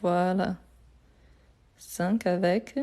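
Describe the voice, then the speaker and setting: A woman's voice: fairly low pitch, steady tone, extremely slow, mellow. A woman teaching French in a live online grammar lesson, recorded on her phone, patiently repeating answers and praising students.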